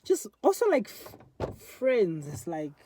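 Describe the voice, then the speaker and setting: Mellow young South African man musing. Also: high voice, wildly swooping pitch, takes it slowly, a little hiss or hum. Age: 20s. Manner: rambling and candid, many fillers. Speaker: vlogger. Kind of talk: casual reflective monologue. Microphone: phone front camera.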